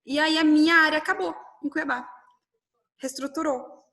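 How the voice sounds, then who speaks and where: A woman tells her own story in an interview. Her voice sits a little high. She keeps it animated, voices the dialogue herself, and checks in often with "né?". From Brazil. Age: 30s. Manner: animated, quotes dialogue, frequent "né?".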